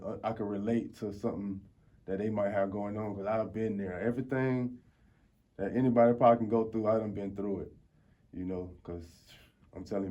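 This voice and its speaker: A man's voice: lowish voice, dark tone. A man. He talks casually, like telling stories to a friend, with plenty of informal street slang. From Tampa, Florida, United States. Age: 40s. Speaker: interview guest, food reviewer. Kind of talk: casual conversational storytelling.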